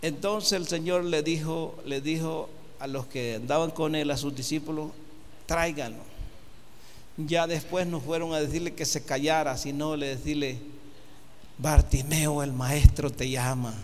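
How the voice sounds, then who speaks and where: A man preaching a sermon in church, building to loud, fervent exhortation and leading the congregation in call and response. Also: a little high, steady tone, moderate pace, few pauses, in a large hall, a little hiss or hum.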